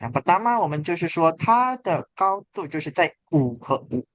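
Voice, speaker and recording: A man's voice: a little high, sing-song, normal speed, no echo. Man teaching Mandarin tones to a class. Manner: explains patiently, asks the class questions, demonstrates tones.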